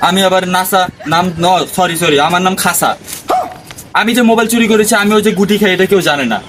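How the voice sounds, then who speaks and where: A man's voice: sits high, noisy background, close to an everyday voice. A man playing a boastful, shady adult man who bosses and threatens people in a comedy sketch. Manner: blustering, bossy, quick to threaten. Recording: music playing under the voice.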